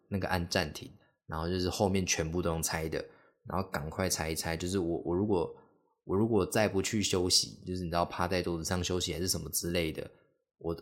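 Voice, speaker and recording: A young man talks through a casual solo podcast in a very deep, low voice. He rambles and leans on fillers, breaking now and then into little acted-out quotes. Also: little pitch movement, fast talker. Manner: rambling, heavy on fillers, acts out quoted speech. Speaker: podcast host.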